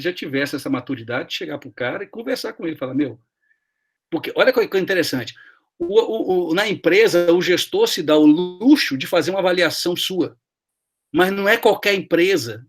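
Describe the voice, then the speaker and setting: Husky chatty Brazilian man teaching. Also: a little high. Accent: Brazilian Portuguese. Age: middle-aged. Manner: chatty, anecdotal, asks many tag questions. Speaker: guest HR professor. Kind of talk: live class conversation, storytelling.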